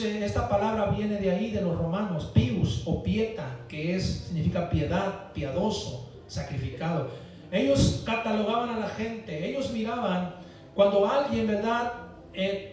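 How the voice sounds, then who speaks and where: High-voiced preacher in an echoey church hall. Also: male voice, a little mellow, distant mic. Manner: emphatic preaching, calls for amens. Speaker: pastor. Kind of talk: Sunday school sermon.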